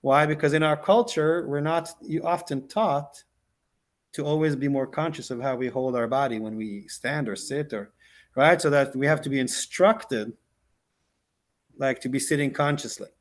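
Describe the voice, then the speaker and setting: Here a rabbi, Hebrew his first language, speaks in a middle-register male voice. After an easygoing class he leads a calm, slow meditation, restarting sentences often and repeatedly saying "like" and asking "right?"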